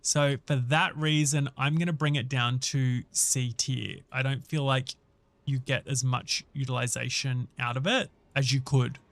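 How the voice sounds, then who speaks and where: A man's voice: medium pitch, little pitch movement, unhurried, fairly bright tone, dry recording. A man hosting a casual gaming livestream, thinking aloud and chatting conversationally with viewers as he gives his commentary. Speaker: live streamer and host.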